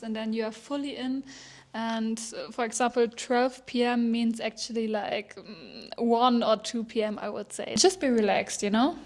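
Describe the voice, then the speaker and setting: A young woman from Germany, a non-native English speaker, chatting enthusiastically as co-host. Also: a little high. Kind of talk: casual chat.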